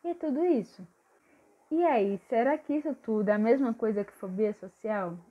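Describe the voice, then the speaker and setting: Young female vlogger, casual and lively, higher voice, lo-fi phone-like audio. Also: normal speed. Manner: chatty, lively, addresses viewers directly. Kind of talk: casual chat to camera. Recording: tinny phone-like sound.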